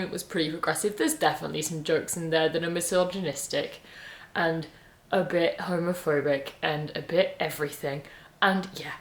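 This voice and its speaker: A woman, chatting casually and rambling through a reading vlog with lots of fillers. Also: on the low side. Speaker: book vlogger.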